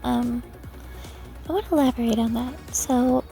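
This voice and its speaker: A woman hosting her own podcast, talking hesitantly and softly about her personal life, with many pauses and restarts. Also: fairly high pitch, vocal fry, faint music behind. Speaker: podcast host. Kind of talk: personal reflective podcast talk.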